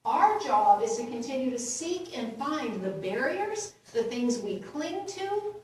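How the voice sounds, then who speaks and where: A woman minister giving a gentle, unhurried sermon, laughing lightly at her own jokes. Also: high-pitched, sing-song, slight background noise. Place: church sanctuary. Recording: roomy echo from far off.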